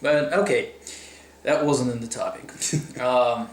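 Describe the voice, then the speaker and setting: A man's voice: medium pitch, steady tone, slow, distant mic. A man from Russia with a Russian accent, casually interviewing a friend and often restarting his sentences. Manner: hesitant, lots of fillers and restarts. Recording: echoey room.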